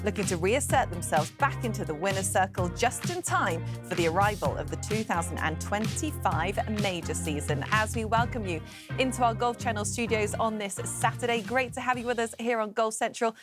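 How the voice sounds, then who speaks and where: A woman hosting a golf studio show, delivering broadcast commentary on highlights. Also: moderate pace. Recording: music bed behind studio narration. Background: music.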